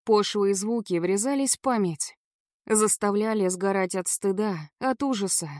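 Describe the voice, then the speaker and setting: A woman narrates a first-person novel in a dramatic, tense storytelling manner. Her voice sits at a middling pitch. She is recorded dry and close on a studio microphone. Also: a little slow, darkish tone, no room sound. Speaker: audiobook narrator.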